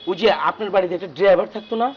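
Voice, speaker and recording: An actor playing a young gossiping sidekick with sly tattling. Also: male voice, high voice, fairly even intonation, very fast, highs cut off. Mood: gossipy. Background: music.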